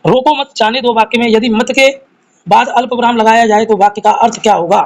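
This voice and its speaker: A man with a very high voice leads a live exam-prep grammar class. He reads out each quiz question and its options, then walks through the answer. He calls his students children in a fond, teacherly way. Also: fairly even intonation, fairly quick, low-quality recording. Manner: addresses students fondly as children.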